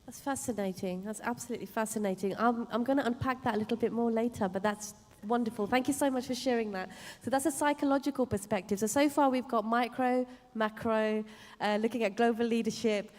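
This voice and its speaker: A woman's voice: a little high, brisk, hardly any pauses, a little mellow. A woman with a Home Counties accent from Surrey, informally moderating a live panel in a jokey, encouraging manner. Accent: Surrey, English Home Counties. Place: conference stage in a large hall. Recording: echoey hall with long reverb.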